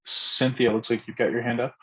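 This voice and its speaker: A man's voice: mid-range voice, flat delivery, a little fast, fairly bright tone, breathy edge. A man leading an online class as a sociologist, talking in a hesitant way with many filler sounds over a video call. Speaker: sociologist facilitator. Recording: muffled video call audio.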